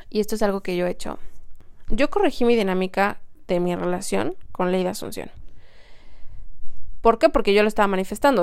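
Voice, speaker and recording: A woman's voice: mid-range voice, smooth, no room sound, studio quality. A woman with a Mexican accent coaching listeners in a colloquial, emphatic instructional audio. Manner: colloquial and emphatic, acts out inner voices. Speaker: self-help coach.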